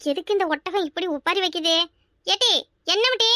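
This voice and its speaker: A woman's voice: extremely high pitch, a little fast, sharp tone, dry recording, studio quality. A woman voicing a bossy but generous older mother-in-law in a cartoon, scolding and giving orders. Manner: scolding, commanding. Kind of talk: cartoon voice acting.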